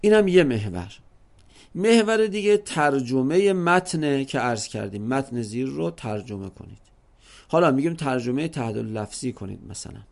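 Gravelly-voiced man teaching Arabic grammar. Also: medium pitch, animated. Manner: slow, deliberate, repeats examples several ways. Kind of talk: classroom lesson explaining exam question types.

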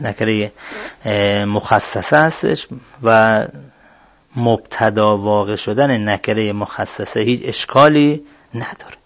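A man teaching Arabic grammar, working through exercises and slowly spelling out each example word. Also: medium pitch, no room sound. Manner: slow, deliberate, spells out example words. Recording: dull, dry lo-fi sound.

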